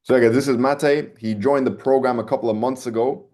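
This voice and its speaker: A man's voice: mid-range voice, fairly even intonation, fairly quick, darkish tone. A man hosting a casual interview, talking in a loose, slangy way and calling his audience boys and lads. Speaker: host.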